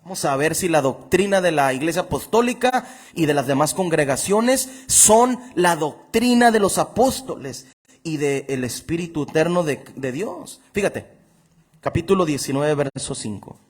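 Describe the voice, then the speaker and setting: Husky, high-pitched man preaching emphatically. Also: lively intonation. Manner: emphatic, slows down to read scripture aloud. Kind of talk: sermon with scripture reading.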